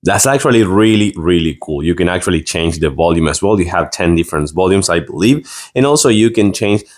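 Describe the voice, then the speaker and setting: A man's voice: sits low, animated, fairly quick. A man giving a casual product review and demonstration in a rambling, repetitive way.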